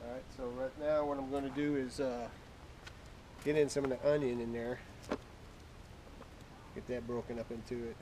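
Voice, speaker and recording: A man's voice: medium pitch, flat delivery, moderate pace, pauses often. A man talking casually and plainly as a cooking show host, explaining each step of a recipe in an informal, folksy way. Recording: clearly noisy background with clicks.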